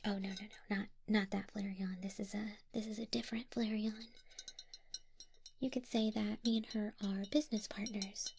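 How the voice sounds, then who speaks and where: A woman's voice: medium pitch, steady tone, creaky, slight background noise, close to an everyday voice. Leafeon, a whispering flower-shop keeper, voiced by a woman. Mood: soothing. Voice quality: soft whisper. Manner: soothing, unhurried shopkeeper talk. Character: gentle female Leafeon florist, calm and helpful. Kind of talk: ASMR roleplay.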